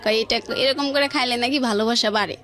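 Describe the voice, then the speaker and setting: A woman with a Bangladeshi accent recounts a personal story in a casual, colloquial style, chaining events together and quoting what people said. Her slightly high voice sounds pushed and bright at a fairly quick pace. She's in a radio studio, with faint music in the background.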